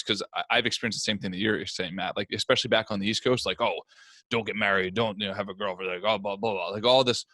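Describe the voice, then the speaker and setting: Low-voiced male podcast host. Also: sharp tone, no echo. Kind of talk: casual podcast chat.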